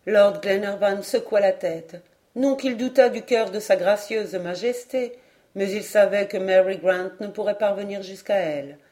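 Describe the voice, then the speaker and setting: A woman reading a classic novel aloud as an audiobook, measured and even. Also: medium pitch. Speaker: audiobook reader. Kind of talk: literary narration.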